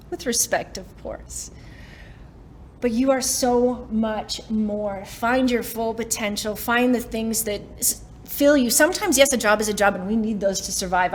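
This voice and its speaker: A woman's voice: mid-range voice, slight background noise. A woman in her forties giving a motivational talk to a live audience, chatty and self-mocking, often laughing between lines. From Canada. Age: 40s. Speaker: keynote speaker. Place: summit stage in front of an audience.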